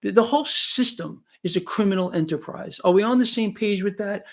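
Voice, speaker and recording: A man's voice: sits high, brisk, gravelly. A man in his late fifties hosting a live stream, commenting on markets in a fervent, preachy way, with many restarts and repeats. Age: 50s. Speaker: financial livestream host. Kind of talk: unscripted live-stream commentary, reading chat.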